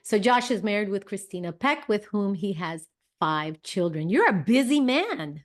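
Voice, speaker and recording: A woman's voice: mid-range voice, big pitch swings, moderate pace. Chatty woman hosting a talk show. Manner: chatty and effusive, with many fillers and restarts. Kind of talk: casual interview introduction.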